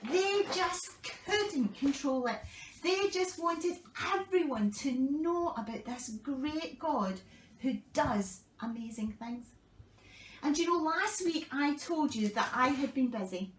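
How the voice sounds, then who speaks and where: A woman, a children's pastor telling children a Bible story in a lively, animated way. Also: sits high, reverberant, far from the mic, a little hiss or hum, rough recording.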